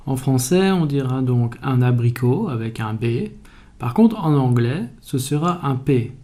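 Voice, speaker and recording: Mellow-voiced man teaching spelling. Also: medium pitch, a little slow. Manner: calm, methodical explaining. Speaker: French language teacher. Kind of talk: explanatory video lesson.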